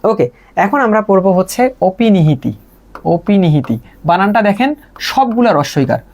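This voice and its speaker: A young man teaching a live online grammar class, patiently repeating each example and asking quick check questions. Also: high voice, a little mellow. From Bangladesh.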